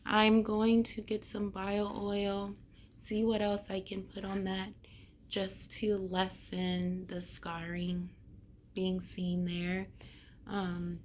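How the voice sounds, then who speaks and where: A woman talks casually in a hoarse voice at a slow, halting pace, pausing to find her words. Her pitch sits in the middle for a woman. There is some background noise behind her as she gives a vlog update. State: hoarse after neck surgery. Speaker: vlogger giving a health update. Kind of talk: casual chat to camera.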